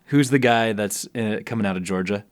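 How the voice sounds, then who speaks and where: A man's voice: fairly low pitch, a little fast. A man co-hosting a sports podcast, casual and joking, laughing often and rambling. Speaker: podcast co-host.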